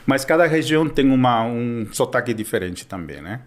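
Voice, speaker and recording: Animated and at a normal speed, a male Spanish teacher from Peru explains things in Portuguese, his Peruvian Spanish accent clear. His mid-range voice carries a casual educational chat in which he often checks on his listener.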